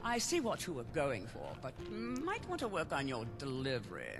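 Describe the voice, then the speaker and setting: An actress playing a haughty, mocking dark elf woman in a fantasy video game, with a theatrical, sneering delivery. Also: deep voice, wildly swooping pitch, normal speed, exaggerated voice. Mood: smug, rattled. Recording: game music behind the voice.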